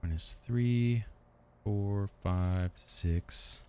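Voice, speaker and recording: Low-voiced man musing through a game. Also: darkish tone, clear, resonant tone. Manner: musing, unhurried, asks himself questions. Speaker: let's play host. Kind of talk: thinking aloud while playing a strategy game.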